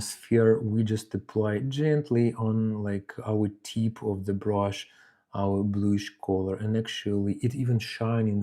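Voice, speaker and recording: Guy streaming his mini painting, lots of uh and um, lowish mellow voice. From Ukraine. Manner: halting non-native English with many fillers. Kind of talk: live-stream hobby chat. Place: home hobby desk.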